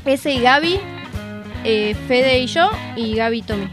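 A high-pitched woman chats with friends, trailing off and restarting as she loses track. She speaks casually with fillers. Guitar music plays clearly behind her. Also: unhurried. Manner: hesitant, chatty, often laughing. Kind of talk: casual group banter.

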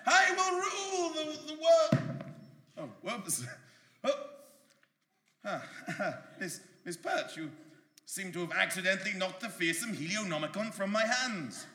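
An actor playing a grandiose, bumbling bureau administrator who fancies himself a hero, in a live comedic audio drama. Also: male voice, high voice, very animated, unhurried, sharp tone, full character voice. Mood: flustered. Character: pompous heroic male bureau administrator. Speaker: comedy stage performer. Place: live performance venue. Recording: echoey live venue.

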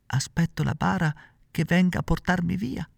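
A man's voice: sits high, steady tone, moderate pace, creaky, dry recording, clean studio sound, pitched above the performer's own voice, heavily acted. A man doing a faint, ghostly little girl. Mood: eerie. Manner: faint, hushed, distant. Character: ghostly pale little girl, eerily calm.

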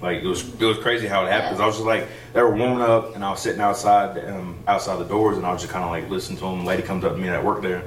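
This young man talks quickly and rambles through a story, piling up fillers as he goes. His voice sits a little low, and he's picked up from across an echoey loft by a distant mic. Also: steady tone. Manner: chatty storyteller, many fillers. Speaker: guest musician, saxophonist. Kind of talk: casual interview chat. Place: theater loft, live session. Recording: echoey room, mic far off.

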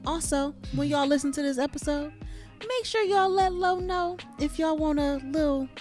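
A woman's voice: high voice, normal speed, a little mellow, faint music behind. A woman co-hosting a podcast in casual chat, short of breath from being pregnant. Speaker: podcast co-host.

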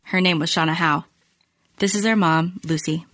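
A woman hosting a podcast, reading scripted true crime narration in measured, storytelling phrases. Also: on the low side, fairly even intonation, a bit bright. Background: music bed.

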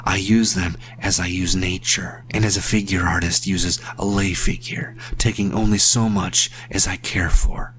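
A man voicing a haunted, gentle male painter, speaking in a slow, low whisper. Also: fairly even intonation, a little hiss or hum. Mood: hushed.

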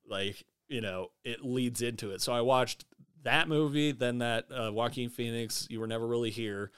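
A man chatting casually as a podcast co-host. He rambles in a laid-back way and his voice sits at an ordinary middle pitch. His sentences often trail off into quieter asides. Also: normal speed, smooth, no echo, clean studio sound. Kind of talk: casual chat.

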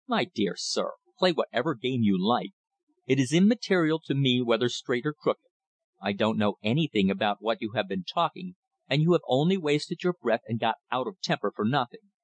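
A man's voice: mid-range voice, animated, moderate pace, no echo, natural voice. A man voicing a dismissive, haughty wealthy man who brushes off every claim with condescension.

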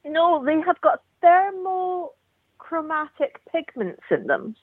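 A woman's voice: very high voice, very animated, slow pace, no room sound. A woman phoning in to a radio show, heard over the phone, chatting casually and explaining things at rambling length. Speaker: caller. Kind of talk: casual call-in chat. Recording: tinny dry phone line.

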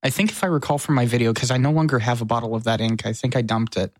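Talking quickly in a mid-range voice with fairly even intonation, this American podcast co-host keeps the chat casual, wry, and self-deprecating. The sound is clean studio audio with no room sound.

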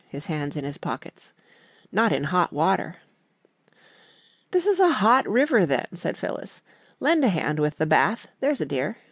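Brief: female audiobook reader, lowish voice with lively pitch, dry close sound, storybook narration. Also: no room sound. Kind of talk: scripted narration.

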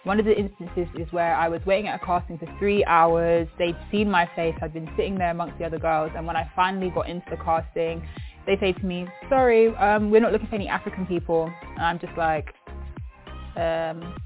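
Young woman in her twenties, model recounting stories, animated, tinny phone-like sound. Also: lowish voice, a little fast. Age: 20s. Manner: animated storytelling, acts out quotes. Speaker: fashion model. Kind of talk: interview testimonial. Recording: phone-like sound with faint music.

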